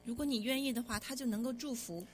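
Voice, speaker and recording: A woman with a high voice quickly interprets a sermon line by line. Her delivery is fluent but she sometimes restarts a word, and a faint hum sits under the voice.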